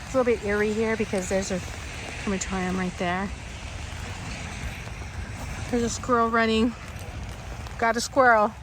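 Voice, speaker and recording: A woman talks in a casual, unscripted way at a middling pitch, thinking aloud as she goes. She sounds like a vlog host narrating a walk around a cemetery. The recording is outdoors, with plenty of traffic and ambient noise behind her. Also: fairly even intonation, moderate pace, long pauses. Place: outdoors in a cemetery, cold and rainy.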